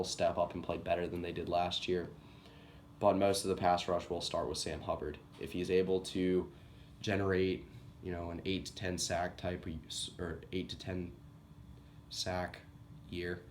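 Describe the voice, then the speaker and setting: A man's voice: low voice, a little mellow, a little hiss or hum. A young man who is sick, giving a casual, rambling college football team preview on his channel and correcting himself as he goes. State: sick, coughing. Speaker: sports YouTuber.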